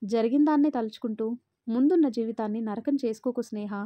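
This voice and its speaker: A woman reading aloud, voicing a stern but caring young husband who scolds and then gently consoles. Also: on the high side, fast talker, no room sound, highs cut off, natural voice. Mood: gentle consoling.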